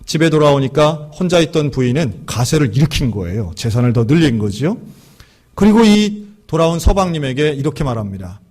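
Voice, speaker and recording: A man's voice: on the high side, very animated, brisk, a little mellow. A male pastor telling a story in a sermon, acting out the characters' dialogue.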